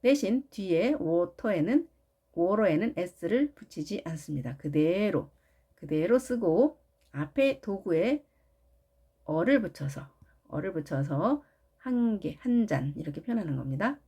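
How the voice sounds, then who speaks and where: Slow, patient woman teaching grammar. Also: on the low side, expressive, warm tone, husky. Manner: slow, patient, deliberate explanations. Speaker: English teacher. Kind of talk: grammar lesson narration.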